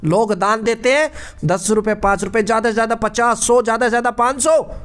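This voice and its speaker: Male quiz teacher, high voice, casual exam-prep patter full of puns and repetition. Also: steady tone, brisk, fairly bright tone, smooth. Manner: playful punning, chatty repetition.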